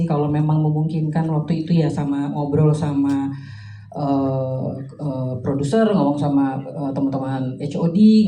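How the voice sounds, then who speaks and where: A woman's voice: deep voice, warm tone. A woman film director answering at a press conference, thoughtful and full of fillers and restarts. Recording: roomy hall, distant mic, faint noise.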